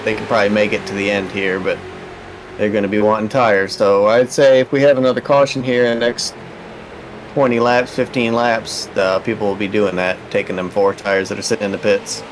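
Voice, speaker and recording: A man giving color commentary on a live race, with measured, analytical talk and hesitant pauses. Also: fairly low pitch, background noise.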